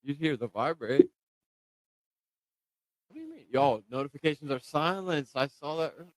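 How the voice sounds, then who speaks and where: Man, podcast guest, casual drinking chat, slightly high voice, dry close sound, slangy, swears. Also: lively intonation, normal speed, darkish tone, no room sound, rough recording.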